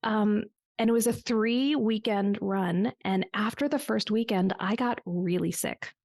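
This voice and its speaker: Guesting on a conversational podcast, this American woman in her forties, a business coach, reflects on her story at a measured pace with small restarts. Her mid-range voice carries vocal fry and a slightly mellow quality, and the recording is dry.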